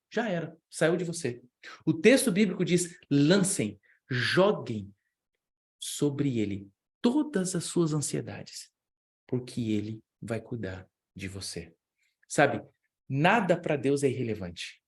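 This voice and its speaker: A young man with a Brazilian accent preaching at a youth week, telling a personal story and acting out the dialogue with big jumps in pitch. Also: darkish tone. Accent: Brazilian Portuguese. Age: young adult.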